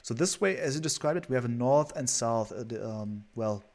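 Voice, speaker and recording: A man's voice: medium pitch, animated, brisk, darkish tone. A man casting a strategy game live, chatty and rambling with lots of fillers. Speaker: esports caster.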